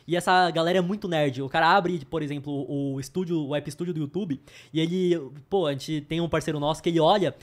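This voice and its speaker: A young man with a Brazilian accent co-hosting a podcast, telling stories in slangy, animated casual chat. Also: on the high side, fairly quick. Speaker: podcast co-host.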